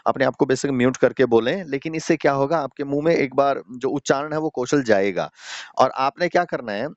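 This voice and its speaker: Male teacher, mid pitch, patient and explanatory, questions the class, muffled dry call audio. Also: dry recording. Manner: explains slowly, often checks in with "ठीक है"; addresses students directly, asks questions. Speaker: Sanskrit teacher. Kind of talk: online class lesson.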